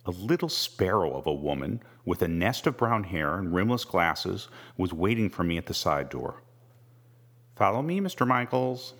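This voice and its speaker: A man reading a first-person novel aloud with measured, wry storytelling. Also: deep voice, fairly bright tone. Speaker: audiobook narrator. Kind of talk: scripted first-person narration.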